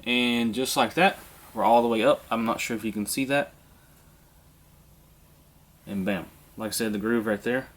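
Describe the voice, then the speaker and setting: A man hosting a hands-on airsoft how-to, congested from a sinus infection, talking through each step in a relaxed, casual way. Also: lowish voice, a little hiss or hum. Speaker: airsoft video host.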